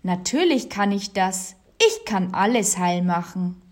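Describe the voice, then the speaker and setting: A woman's voice: mid-range voice, expressive, measured pace, natural voice. Lady playing a handy fix-it witch, confident and helpful, storybook. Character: cheerful handy witch who fixes things.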